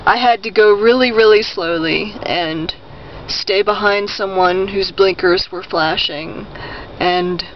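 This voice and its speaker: Quiet, slow, high-voiced man at night. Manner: quiet, subdued late-night talking. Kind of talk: casual personal monologue. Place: inside a parked car at night. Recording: dull, noisy handheld recording in car.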